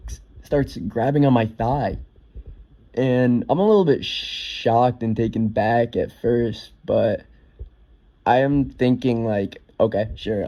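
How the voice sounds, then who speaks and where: A man's voice: mid-range voice, mellow. A young man casually telling a personal story, offhand, swearing now and then with lots of fillers.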